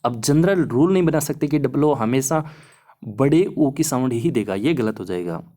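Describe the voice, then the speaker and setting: A young male exam-prep teacher walks students through phonetics examples at a steady clip. He keeps it casual and reassuring and often checks in with the class as he goes. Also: mid-range voice, moderate pace. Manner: encouraging, repeats "है ना" often. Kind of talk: explaining lesson over slides.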